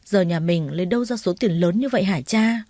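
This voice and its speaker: A woman narrating a story in the first person with a steady, earnest reading. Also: on the low side, a little fast, dry recording, studio quality.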